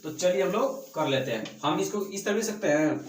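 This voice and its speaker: Male math teacher, a fairly high voice, in an echoey classroom. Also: expressive, normal speed, distant mic, a little hiss or hum. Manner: checks in with students after every step. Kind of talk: classroom lesson.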